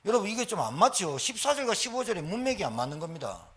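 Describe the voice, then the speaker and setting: A man's voice: high voice, very animated, fast, a bit bright, breathy edge. A middle-aged man, preaching a sermon as pastor with emphatic rhetorical questions.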